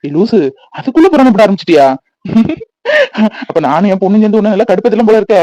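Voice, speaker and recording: A man's voice: high voice, lively intonation, dark tone, dry recording. Man voicing a teasing, doting young husband. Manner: teasing, fast and playful. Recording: dull lo-fi dry recording.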